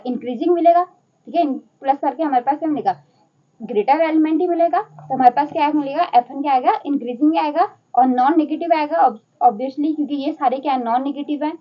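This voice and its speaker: Woman, Hindi accent, math lecturer, high voice, asks herself questions, dull lo-fi sound. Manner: explains step by step, asking and answering her own questions.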